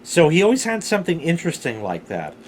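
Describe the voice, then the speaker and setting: A middle-aged man telling rambling personal stories casually, with animated, salty emphasis on key words. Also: on the high side, fast, slight background noise. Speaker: storyteller, vlog host.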